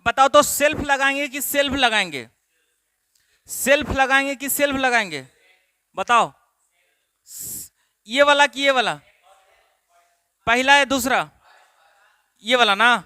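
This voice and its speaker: A man's voice: extremely high pitch, slow pace, pauses often, pushed and bright, clean tone, dry recording. A man from Bihar with a Bihari Hindi accent, teaching a spoken English class and asking the students the same questions again and again. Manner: repetitive questioning, drills students. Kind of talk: classroom lesson.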